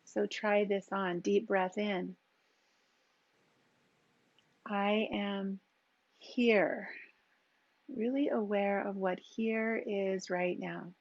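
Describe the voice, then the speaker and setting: Slow, calm woman guiding yoga. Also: medium pitch, muffled recording. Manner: calm, slow, gentle cues with long pauses. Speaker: yoga teacher. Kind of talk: guided yoga and meditation instruction.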